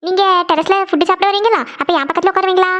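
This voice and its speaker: A woman's voice: very high voice, very fast, highs cut off. A woman voicing a cheeky chatterbox girl. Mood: playful. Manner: teasing, giggly. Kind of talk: cartoon voice acting.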